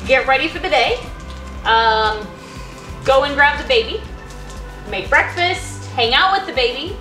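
A woman's voice: high voice, lively intonation, measured pace, sharp tone. A woman in casual family chat, chatty and playful, often laughing. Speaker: mother in family vlog. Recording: roomy room with music behind.

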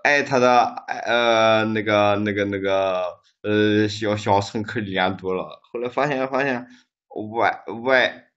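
A man's voice: lowish voice, fairly bright tone, muffled recording. A man in a study group speaking hesitantly, stumbling and correcting himself over a voice call. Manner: hesitant, self-correcting, stammers.

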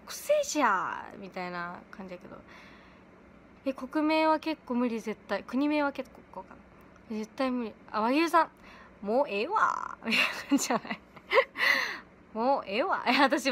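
A teenage girl with a chatting casually on a livestream from home, giggly and quick to laugh. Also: high-pitched, fairly bright tone. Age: late teens. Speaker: idol livestreaming to fans. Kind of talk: casual livestream chat reading comments. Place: at home in pajamas.

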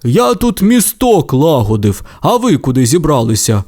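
A man voicing a kindly father T. rex dinosaur in a storybook, in a calm, fatherly way. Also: fairly high pitch, normal speed. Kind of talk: storybook voice acting.

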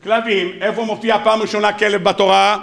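A man giving a lively, joking weekly sermon as a rabbi, often asking his audience questions and answering them himself. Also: high-pitched, creaky. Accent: Israeli Hebrew. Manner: acts out quoted speakers in a raised, mocking voice. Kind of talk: lively Torah sermon to a congregation. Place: synagogue or study hall before an audience.

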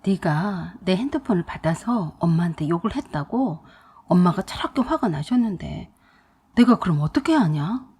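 A woman's voice: lowish voice, lively intonation, normal speed, darkish tone, husky, voice pushed down. A woman voicing an angry young husband who fires off heated, accusing questions.

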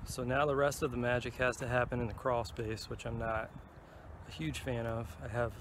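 A DIY vlogger with a flat, mid-range, fairly bright voice narrates a gas heater install on a handheld camera at normal speed. Moving through a pole barn, roof and crawl space, he explains each step plainly and matter-of-factly, with slight background noise.

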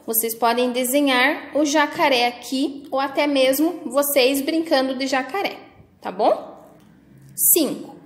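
A preschool teacher with a Brazilian Portuguese accent patiently guides young children through workbook activities in a slow, sing-song way. Her voice is high and reverberant.

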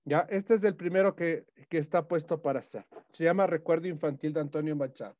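High-voiced man teaching a class. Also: a little fast, darkish tone, no room sound, clean studio sound. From Ecuador. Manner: explanatory, checking in with frequent "¿sí?". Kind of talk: classroom lesson on poetic meter.

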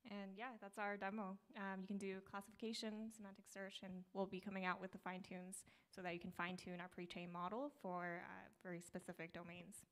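A woman's voice: medium pitch, flat delivery, fairly quick, hardly any pauses. A young woman presenting her startup's product at a meetup, talking casually through a live demo with fillers and restarts. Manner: casual, upbeat, many fillers. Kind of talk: conference talk with live demo. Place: small theater stage.

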